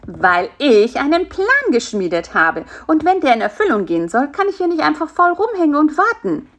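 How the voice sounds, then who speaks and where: A woman's voice: high voice, very animated, moderate pace, a bit bright, pitched above the performer's own voice. A woman voicing a clever, pushy male fly who is impatient and full of plans, in a storybook reading. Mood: eager. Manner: bossy, eager, talks people into plans. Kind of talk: storybook character voice.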